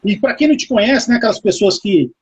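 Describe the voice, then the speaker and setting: A man's voice: sits high, lively intonation, fast, breathy edge, low-quality recording. A man hosting a live interview, effusively praising his guest and greeting viewers. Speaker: host.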